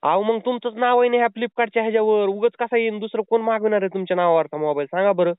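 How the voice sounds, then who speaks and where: His high-pitched voice is clear and resonant, steady in tone and fast, recorded dry over a tinny phone line. He's a prank caller posing as a delivery man, insisting and pleading.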